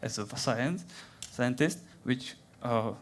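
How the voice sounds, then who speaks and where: A young man with a Czech accent giving a playful, theatrical science talk in a plant's voice, then answering questions in halting English. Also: medium pitch, slight background noise. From Czech Republic. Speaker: science communication contestant.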